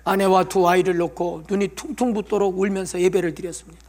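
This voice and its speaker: A man's voice: high-pitched, fairly even intonation, fast, darkish tone. A male pastor preaching in a church, giving an emotional testimony with pleading prayers. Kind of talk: sermon. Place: church sanctuary.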